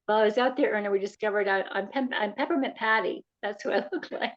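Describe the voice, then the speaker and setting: A woman hosts a podcast conversation in a friendly, halting manner, full of "um" and "yeah". Her voice sits in a middle pitch. The audio is dull and lo-fi. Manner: chatty, halting, many "um" and "yeah". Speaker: podcast host. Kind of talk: casual chat.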